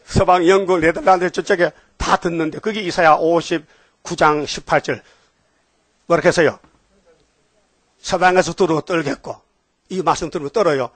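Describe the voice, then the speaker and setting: A man with a Gyeongsang Korean accent preaching a sermon in a lively way, often firing questions at his congregation. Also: fairly high pitch, normal speed, no room sound. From Gyeongsang region, Korea. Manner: animated, questions the congregation, jumps between topics. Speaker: pastor.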